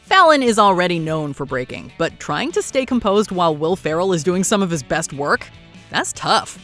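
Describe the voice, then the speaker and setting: A woman's voice: fairly low pitch, very animated, moderate pace, fairly bright tone. A woman reading scripted narration for a countdown video. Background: background music.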